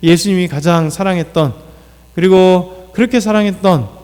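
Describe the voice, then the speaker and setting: Korean pastor preaching in a reverberant church. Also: male voice, high voice, normal speed, a little mellow, clear, resonant tone. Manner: unscripted preaching with fillers, acts out quoted lines. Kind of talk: dawn prayer sermon. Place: church sanctuary.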